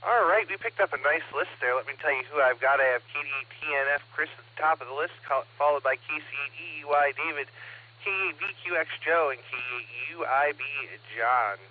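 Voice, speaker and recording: A man's voice: on the high side, fairly quick. Man calling a ham radio net over the air. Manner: steady, methodical, reads back call signs. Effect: two-way radio transmission. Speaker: net control operator. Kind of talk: amateur radio net check-ins. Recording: narrow, phone-like radio audio.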